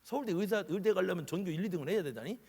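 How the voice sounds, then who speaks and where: A man voicing an arrogant, indignant male doctor who scoffs and rants in rising, exasperated bursts, with a husky voice, in a reverberant church. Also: high voice, lively intonation, rapid-fire, a little mellow, pitched above the performer's own voice, exaggerated voice. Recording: long church hall reverb.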